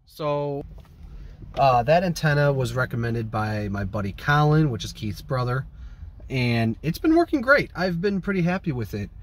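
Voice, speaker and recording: Very animated at a normal speed, a medium-pitched man from the American Midwest vlogs casually to camera, rambling as he goes. The phone or camera is at arm's length inside a parked van, so vehicle ambience and background noise come through clearly.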